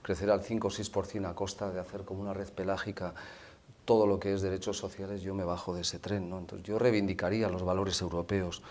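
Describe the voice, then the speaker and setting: A man speaking in a measured, deliberate way in a podcast conversation. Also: deep voice, level tone, a little mellow. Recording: faint background noise.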